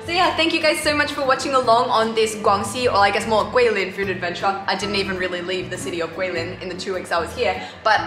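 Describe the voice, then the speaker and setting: A woman's voice: medium pitch, quick pace, few pauses. A young woman hosting a food vlog, chatty and enthusiastic, laughing often. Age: young adult. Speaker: food vlogger. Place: indoor restaurant dining room. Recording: roomy, with music behind.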